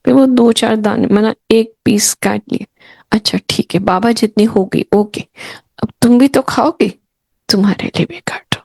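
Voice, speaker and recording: A middle-aged woman sharing childhood memories with a gathering in an unhurried storytelling manner, acting out the voices of her elders and her younger self. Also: on the high side, vocal fry, mellow, husky, dry recording. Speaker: spiritual speaker sharing memories.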